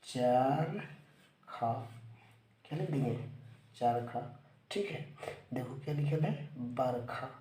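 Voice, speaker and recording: A man teaching English spelling, slowly drilling words aloud, recorded on a phone without showing himself. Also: medium pitch, mellow, slight background noise. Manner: slow, repetitive, drilling words aloud to students. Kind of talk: spoken spelling lesson. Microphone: handheld phone recording, teacher not on camera. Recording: echoey room with faint ambience.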